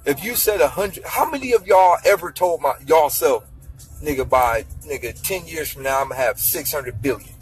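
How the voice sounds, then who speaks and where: This thirties-aged male vlogger rants casually to camera about money, lecturing bluntly with profanity and hammering points home through repetition. His slightly high voice is expressive at a normal speed, faint music plays behind him, and the audio is poor.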